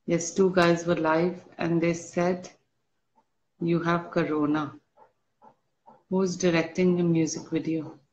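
A woman hosting a casual live stream, reading fan comments aloud and answering slowly while a little unwell. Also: fairly low pitch, slight background noise. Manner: slow, relaxed, answers comments one by one. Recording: dull lo-fi stream audio.

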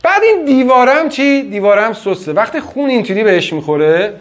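A man's voice: high-pitched, sing-song. A man giving a classroom lecture, quizzing his students with frequent questions.

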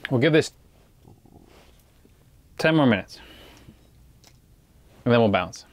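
Speaking slowly in an animated mid-range voice, this fishing vlogger chats easily with his audience and wanders from topic to topic. An action camera aimed at him captures the talk in a cramped ice shelter out on a frozen lake.

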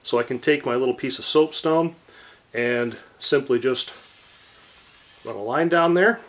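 A relaxed man in his forties walks through a hands-on project in his home workshop, speaking at an ordinary middle pitch. He rambles easily, with plenty of ums and restarts. His voice comes from a camera mic a few feet away. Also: measured pace. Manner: relaxed and rambling, lots of fillers and self-corrections. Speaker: woodworking channel host. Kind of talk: casual workshop tutorial.

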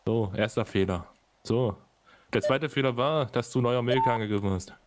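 A man's voice: mid-range voice, fairly quick, no echo. A man playing a gang leader in a roleplay, blunt and threatening. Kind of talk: in-character roleplay.

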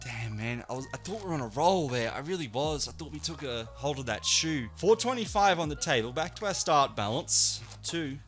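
A man commentating his own live blackjack play, excitable and swearing a lot, swinging from low muttering to loud shouts. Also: a little fast, hardly any pauses, faint music behind. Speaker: online casino streamer.

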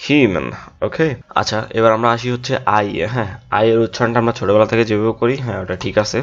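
A man runs an English pronunciation lesson, repeating each word aloud and keeping a brisk pace. His voice sits fairly low. The recording is dull and lo-fi. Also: steady tone. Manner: drills words aloud, keeps adding a quick "yes". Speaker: English teacher. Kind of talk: casual classroom explanation.

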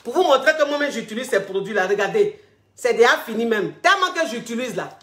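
A woman's voice: fairly high pitch, sing-song, brisk, a bit bright. A woman hosting a vlog, giving casual, familiar relationship advice and repeating herself as she speaks to her listeners as darling. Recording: roomy echo.

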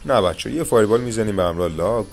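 A young man giving calm, coaching commentary over his own mobile game matches, talking straight to his viewers. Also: fairly low pitch, vocal fry, a little hiss or hum. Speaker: gaming YouTuber. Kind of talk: live gameplay commentary.

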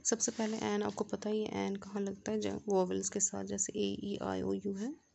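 A woman teaching an English grammar class, explaining the rules step by step and checking understanding with questions, reading each English example out slowly. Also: mid-range voice, completely flat delivery, vocal fry, dark tone, a little hiss or hum.

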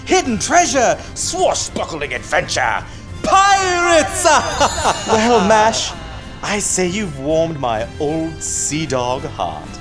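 A woman voicing an excitable, boyish alien puppet in a children's show, dramatic and exclamatory with nervous stammers. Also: lowish voice, slow. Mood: excited. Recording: music behind the voice.

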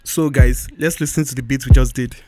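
A man's voice: mid-range voice, steady tone, brisk, loud music behind the voice. A young Nigerian man with a Nigerian accent, producing beats at a roadside and chatting casually to his viewers. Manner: upbeat, talking to viewers as he works. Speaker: music producer. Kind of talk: casual vlog narration. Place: roadside street, outdoors. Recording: loud beat playing behind.

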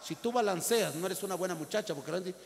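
A man preaching a sermon in a church service, who acts out little scenes in other voices and later prays loudly. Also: high-pitched, quick pace, vocal fry. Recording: long hall reverb with music.

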